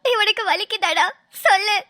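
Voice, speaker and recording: A woman's voice: extremely high pitch, normal speed, pushed and bright, dry recording, clean studio sound. A woman voicing a caring young woman in a cartoon, tearful and scolding out of worry. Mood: worried. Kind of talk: cartoon voice acting.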